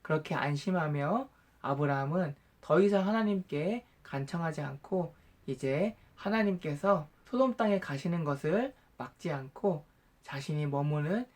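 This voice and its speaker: Gentle male Bible storyteller. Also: fairly high pitch. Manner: polite, gentle, explanatory.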